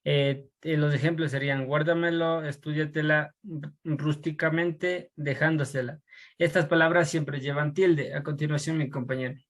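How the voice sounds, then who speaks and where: A man presents to his class in a slightly high voice. He reads through word lists steadily, with pauses and filler sounds between items. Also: steady tone. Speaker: student presenter.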